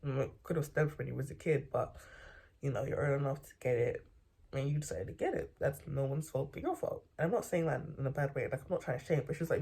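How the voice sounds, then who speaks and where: Young vlogger, mellow tone, loose rambling late-night monologue from bed, lots of slang and repeats. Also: medium pitch, slightly rough.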